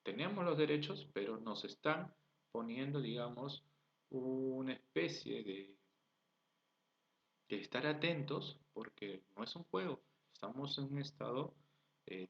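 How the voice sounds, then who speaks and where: With a gravelly, medium-pitched voice, a Peruvian man delivers a recorded online class, breaking ideas down step by step. He throws out rhetorical questions and checks on his students along the way, speaking with a Peruvian Spanish accent. The audio quality is dull and lo-fi.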